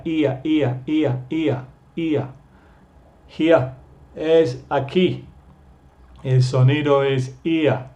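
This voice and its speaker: A man gives a beginner language lesson at an extremely unhurried pace. His voice sits at an ordinary middle pitch, and he explains things patiently, step by step. He drills each vowel sound by repeating it again and again. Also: darkish tone. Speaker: English teacher.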